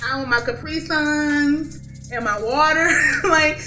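A woman telling a story in casual chat, animated, laughing often, with lots of "like". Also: sits high, takes it slowly. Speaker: podcast co-host. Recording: roomy echo, faint music behind.

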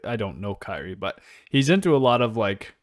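Guy co-hosting a hoops podcast, kinda low voice, dead dry sound, rambles a lot. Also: sing-song, brisk, no echo. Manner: rambling, lots of fillers like "you know what I mean". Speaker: podcast co-host. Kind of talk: casual sports chat.

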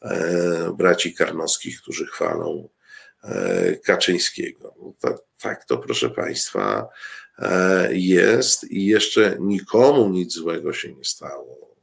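A man talks slowly to his audience in a deep, gravelly voice. He pauses often, restarts phrases and fills gaps with hesitation sounds. He keeps a dry, ironic tone as he comments on current affairs. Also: expressive. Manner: halting, many filler sounds and restarts; ironic, addresses the audience directly. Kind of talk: political commentary show.

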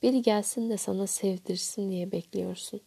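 A woman slowly reciting a poem, often dropping into a soft half-whisper. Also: mid-range voice, fairly even intonation, creaky, slightly rough, no room sound. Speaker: poetry reciter. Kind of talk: slow poetry recitation.

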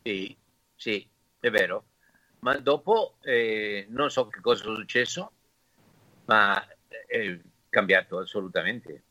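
Halting Argentine man, bright forceful voice. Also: fairly low pitch, no echo, rough recording. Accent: Argentine Spanish. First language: Spanish. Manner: halting, searching for words in Italian. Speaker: interview guest. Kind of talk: casual conversational interview.

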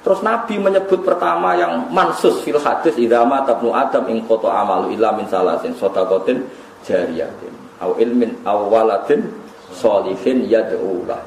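A man's voice: lowish voice, normal speed, gravelly, darkish tone, roomy sound, slight background noise, low-quality recording. A man with a Javanese accent preaching a sermon, telling stories with laughter and reciting Arabic verses. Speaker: Islamic preacher. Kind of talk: sermon to a gathering.

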